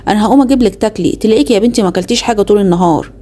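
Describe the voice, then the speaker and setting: A woman's voice: medium pitch, very fast, mellow, lightly acted. A woman reading the part of a poor, faithful older mother who speaks soothingly, with an Egyptian accent. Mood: reassuring. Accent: Egyptian Arabic. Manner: soothing, reassuring.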